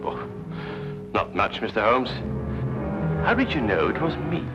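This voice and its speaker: A sly polite curator-thief, lively voice, dull old tv audio with music. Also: male voice, mid-range voice, unhurried. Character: smooth, scheming male museum curator and thief. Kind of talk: 1950s TV drama acting. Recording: dull 1950s TV soundtrack with music.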